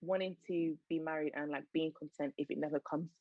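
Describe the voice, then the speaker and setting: Speaking at a brisk clip in a low-pitched, steady voice, a young podcast host talks casually and earnestly about faith, reflecting on her views. The recording is dull, dry lo-fi with no echo.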